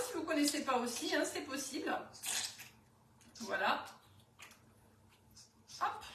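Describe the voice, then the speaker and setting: A woman's voice: sits high, fairly bright tone, roomy sound, distant mic, slight background noise. A woman from southwest France with a Toulouse-area accent, chatting casually and hesitantly as a cookware consultant during a live cooking demonstration. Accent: southwest French, Toulouse area. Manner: chatty, hesitant, many fillers.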